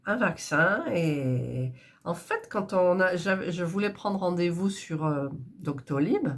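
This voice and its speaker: Chatty woman, husky and stuffy. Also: lowish voice, expressive, takes it slowly. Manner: chatty, rambling, with frequent fillers and restarts. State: stuffy nose. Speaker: cross-stitch crafter vlogger. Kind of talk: casual chat while prepping thread.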